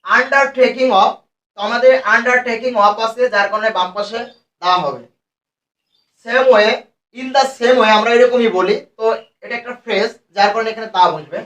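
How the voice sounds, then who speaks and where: A Bangladeshi man teaching English grammar. He explains each rule step by step and reads the example phrases out slowly. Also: very high-pitched, fairly bright tone. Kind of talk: grammar lesson. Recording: echoey room, mic at a distance.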